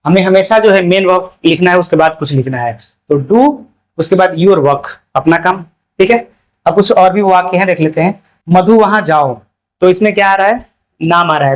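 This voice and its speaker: A man with a fairly high voice teaches English grammar in a relaxed, chatty way, with a Hindi accent. He keeps asking his class questions and then answers them himself. He says each English example slowly, word by word. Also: rough recording. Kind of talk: casual classroom explanation.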